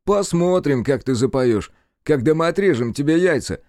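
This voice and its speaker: A man with a mid-range, slightly mellow voice speaks at a moderate pace with lively intonation, pushing his voice up in a light bit of acting. He plays a blunt, crude, clumsy male sidekick who sounds smug. The recording is dry and of studio quality.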